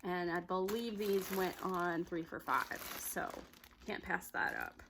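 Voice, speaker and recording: A woman's voice: lowish voice, a little slow, noisy background. A chatty woman with a Southern accent, rambling cheerfully through a casual yarn vlog and laughing often. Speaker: yarn vlogger. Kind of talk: casual chat.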